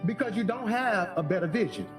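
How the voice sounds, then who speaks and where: A man in his forties giving a forceful public speech, declaring and repeating key lines. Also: high-pitched, expressive, brisk, faint music behind. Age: 40s. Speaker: speaker in a played clip.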